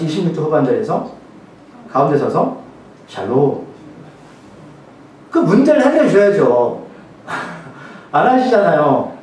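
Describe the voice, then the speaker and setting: Preaching a sermon in a casual, joking style, this male pastor keeps tossing rhetorical questions to his congregation. His high voice is very lively, heard from a distance as it rings around a very echoey church hall, far from the mic.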